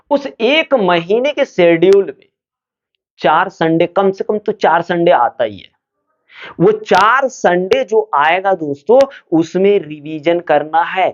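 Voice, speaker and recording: A man's voice: sits high, highs cut off. A man giving motivational study advice to students, asking questions and answering them himself.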